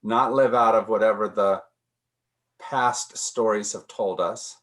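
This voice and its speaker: A man's voice: lowish voice, fairly even intonation, slow, a bit bright. A man leading a casual group discussion, thinking aloud with frequent restarts and repeated words.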